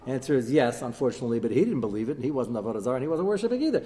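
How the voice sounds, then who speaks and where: This rabbi's Talmud discourse comes very fast, his mid-range voice expressive and warm, with slight background noise. He teaches by question and answer to listeners in a big reverberant room, slipping Hebrew terms into English.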